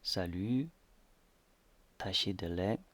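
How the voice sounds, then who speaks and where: A man narrating a slideshow language lesson slowly, with many hesitations. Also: low-pitched, fairly bright tone. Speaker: language teacher.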